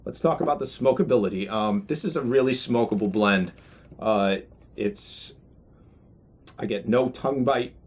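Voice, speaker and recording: A man giving a casual, unscripted review in a measured, deliberate way, often pausing mid-phrase. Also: medium pitch. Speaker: pipe tobacco reviewer.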